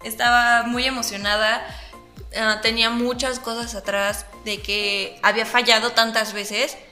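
Mexican woman guest on an interview, kinda high bright voice, earnest and animated. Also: unhurried, faint music behind. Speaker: interview guest, pageant winner. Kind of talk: casual interview answers.

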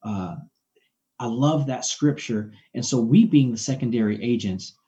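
A man in his forties talks about faith with preacherly enthusiasm, doubling back on his words as his point gathers steam. His voice is mellow and warm, at a middling pitch. The recording sounds a little dull and lo-fi. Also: a little slow. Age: 40s. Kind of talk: casual faith conversation.

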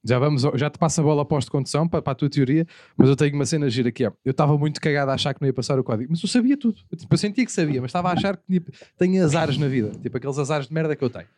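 Fast-talking Portuguese man telling stories. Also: a little high, dry recording. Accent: European Portuguese. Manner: rambling storyteller, quick and animated. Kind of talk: casual chat among friends.

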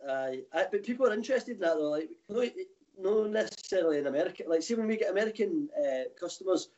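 A tour operator from the Glasgow area, Scotland, appears as a guest, telling anecdotes in loose, rambling, colloquial chat with a broad Glaswegian accent. His voice is high, animated and fast with a darkish tone, and the recording is muffled.

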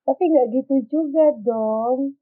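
Woman doing a jealous nagging wife, slightly high voice, tinny phone-like audio. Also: measured pace. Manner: scolding, nagging. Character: jealous wife and mother, sharp-tongued. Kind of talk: amateur skit acting.

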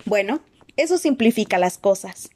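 A woman voicing a calm, courteous old male wizard in an audiobook, measured and gently good-humored. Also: medium pitch, lightly acted. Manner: measured, polite, gently amused. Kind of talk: audiobook character voice.

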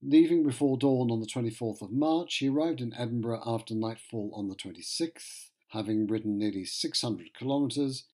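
A man's voice: mid-range voice, normal speed, few pauses, dark tone. A man narrating history from a script, in a wry, conversational storytelling manner with joking asides.

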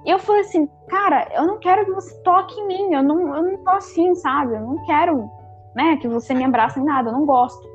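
A young woman with a high voice, talking quickly and animatedly in a casual chat with friends. She keeps acting out what people said, full of fillers. The sound is dull and lo-fi, with faint music in the background. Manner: animated, lots of fillers and quoted dialogue.

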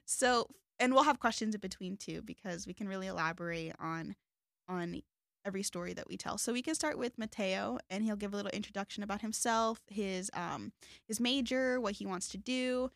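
A woman's voice: mid-range voice, brisk, gravelly, no echo, clean studio sound. A young woman in her twenties hosting a casual chat, bubbly and chatty, laughing often. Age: 20s. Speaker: host.

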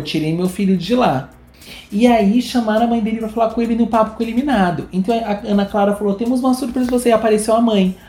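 A man's voice: on the high side, roomy sound. A man with a Brazilian Portuguese accent, chatting casually as a podcast co-host and acting out the people in his stories. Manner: animated storyteller acting out quoted voices. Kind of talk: casual gossip chat.

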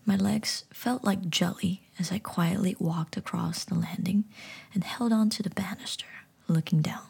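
A woman's voice: mid-range voice, steady tone, normal speed, vocal fry, darkish tone, slightly rough. A woman narrating a first-person horror story entirely in a whisper. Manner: whispering throughout.

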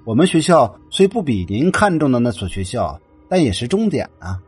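A man's voice: medium pitch, very animated, moderate pace, husky, faint music behind. A man voicing a stern but earnest male university counselor who tries to mediate between mother and daughter. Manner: stern, then pleading.

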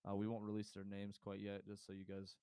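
Young male podcast co-host, low smooth voice, dry close sound, loose rambling delivery. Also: completely flat delivery, brisk, warm tone, no echo. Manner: rambling, laughs often, restarts. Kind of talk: casual podcast chat.

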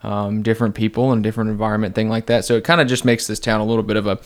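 A man's voice: lowish voice, little pitch movement, very fast. A man hosting a casual podcast interview, laid-back and rambling with many fillers. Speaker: podcast host.

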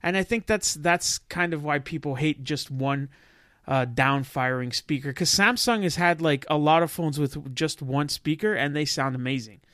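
A man's voice: a little high, moderate pace, fairly bright tone, no room sound, clean studio sound. A man co-hosting a casual tech podcast, chatty and loose, with many fillers and restarts. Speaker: podcast co-host.

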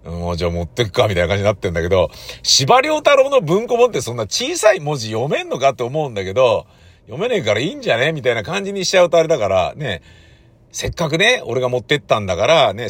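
With a mid-range voice and no room sound on the recording, a middle-aged man chats alone in a loose, meandering way. He produces and records audio dramas, and his storytelling is blunt, slangy and self-deprecating, complete with acted-out reactions.

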